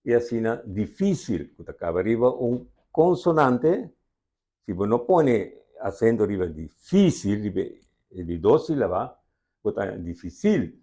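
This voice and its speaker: A man's voice: on the low side, sing-song, moderate pace, mellow. A man with a Curaçaoan accent, a language expert patiently explaining spelling rules step by step in an interview.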